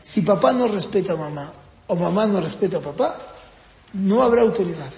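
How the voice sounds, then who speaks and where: A man teaching a parenting course in a casual, lively lecture style. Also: a little fast, reverberant, in a large hall, slight background noise. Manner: lively, jumps up and down in pitch acting out parents and kids.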